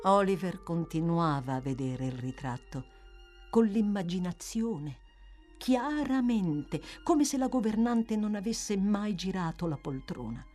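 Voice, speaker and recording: A woman reads a classic novel aloud in an expressive, measured audiobook narration. Her voice sits on the low side yet moves through a wide, lively range of pitch. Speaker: audiobook reader.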